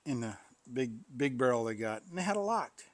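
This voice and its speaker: A man's voice: medium pitch, very animated, a little fast, dry recording. A man, a pastor who welds, chatting casually and rambling in his workshop, sighing and coughing between thoughts. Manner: rambling, folksy, frequent sighs and coughs. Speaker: pastor and welder, channel host. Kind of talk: casual shop vlog.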